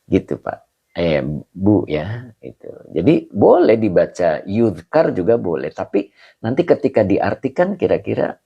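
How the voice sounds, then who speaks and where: Male religious teacher, slow and patient, low husky voice, lively intonation, online grammar class. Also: highs cut off. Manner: patient explaining, answering students by name, chuckles. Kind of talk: online Arabic grammar lesson.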